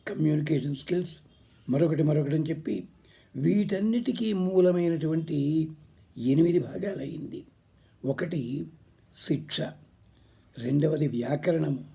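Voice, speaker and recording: A man giving a spiritual discourse, explaining slowly and drawing out recited words. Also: on the high side, gravelly, warm tone, breathy edge. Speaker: speaker on scripture.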